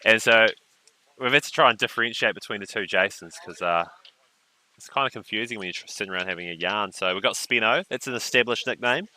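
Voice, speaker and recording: A man's voice: lowish voice, fast talker, bright, forceful tone, rough recording. A man commentating a surf contest on a live stream, with laid-back, joking banter.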